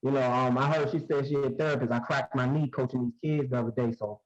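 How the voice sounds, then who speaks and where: A man's voice: mid-range voice, steady tone. Easygoing male comedian on a call; muffled, underwater-sounding phone mic, dull lo-fi sound. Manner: laid-back, joking, drawn-out talk. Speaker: comedian and coach. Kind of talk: casual podcast chat over a call. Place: newly moved-into room at home.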